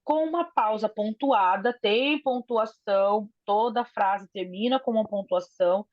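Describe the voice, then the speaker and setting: A woman's voice: medium pitch, a little slow, no room sound. A woman teacher giving an online class by video call from her phone. She explains patiently and often tags her points with a question. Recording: dull lo-fi phone audio, dry.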